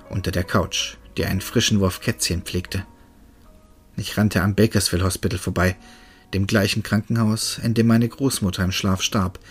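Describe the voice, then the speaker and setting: A man narrates a scripted first-person horror story in a steady, tense voice. His tone sits fairly low and sounds husky, with faint music underneath.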